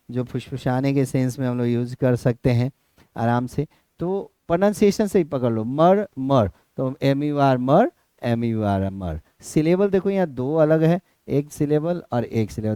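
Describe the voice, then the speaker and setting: A man's voice: medium pitch, dark tone, clean tone, dry recording. Hindi-speaking male teacher with a Bihari accent, dry close mic. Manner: repetitive, asks students if they understood. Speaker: exam prep teacher. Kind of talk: explaining a lesson to students.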